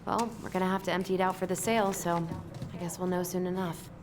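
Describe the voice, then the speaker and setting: A woman's voice: on the low side, steady tone, quick pace, noisy background, natural voice. An actress playing a blunt, frustrated young American woman in a dramatic video game. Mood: curious, quiet. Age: young adult. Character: blunt, frustrated young woman confronting an older family friend.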